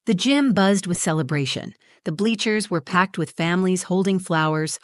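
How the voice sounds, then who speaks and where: With a fairly low voice, a woman in her forties tells a scripted first-person story, her delivery measured and reflective. The recording is close and dry, with no surrounding room and no echo.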